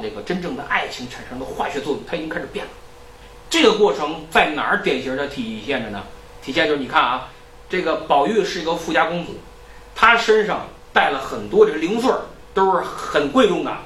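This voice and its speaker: A man lecturing in a lively storytelling style, acting out characters' lines. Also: fairly high pitch, echoey room, distant mic, slight background noise, poor audio.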